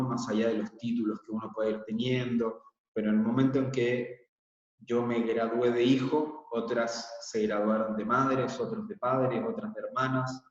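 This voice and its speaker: A man from Israel, a workshop facilitator, presenting calmly online and explaining with frequent hesitant fillers. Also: fairly low pitch. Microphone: laptop mic on a video call. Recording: echoey, distant, dull video call audio.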